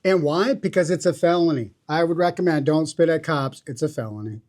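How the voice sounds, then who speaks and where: Male legal reaction commentator, higher register, blunt and mocking delivery. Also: a little fast, a little mellow. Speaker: criminal lawyer reacting to footage.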